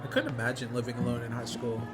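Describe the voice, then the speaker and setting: Fast and level-toned, a mid-range male voice delivers slangy, casual reactions to a visual novel while streaming it. Background music is clearly heard behind him.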